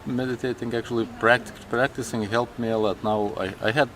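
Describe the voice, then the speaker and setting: A man from Lithuania with a Lithuanian accent, a native Lithuanian speaker, telling his story in an interview in slow, halting English full of restarts. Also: mid-range voice, flat delivery, a bit bright, a little hiss or hum. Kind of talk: personal interview.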